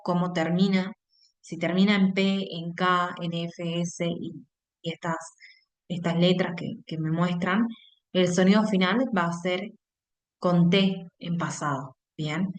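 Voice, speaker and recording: A woman with an Argentine Spanish accent teaching an online English class, explaining step by step and checking in with her students after nearly every phrase. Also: lowish voice.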